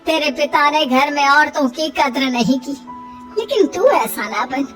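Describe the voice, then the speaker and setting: Cartoon mother-in-law, woman performer: older, gentle, downtrodden, high register, music underneath. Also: expressive, a little slow, recorded from a distance. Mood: gentle, sad. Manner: pleading, motherly.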